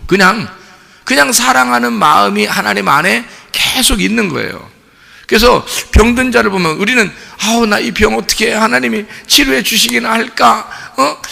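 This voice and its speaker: A male pastor giving a sermon in an animated, colloquial way, asking rhetorical questions. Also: high voice, creaky. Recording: long reverb of a church hall.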